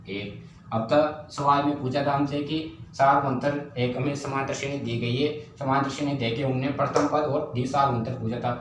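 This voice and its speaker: A man teaching a math lesson, repeating steps and asking and answering his own questions. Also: mid-range voice. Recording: very echoey room, faint ambient noise.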